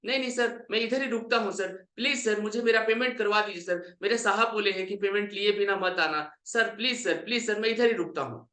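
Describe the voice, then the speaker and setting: A man's voice: sits high, a little fast, hardly any pauses, pushed and bright, reverberant. A man voicing a young male errand boy who humbly pleads over the phone, saying "sir" again and again. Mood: pleading. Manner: pleading, repeats "sir" constantly.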